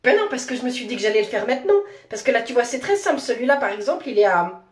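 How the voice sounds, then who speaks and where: A woman's voice: fairly high pitch, big pitch swings, rapid-fire. A woman acting in comedy sketches, fussy and nitpicking in her lines.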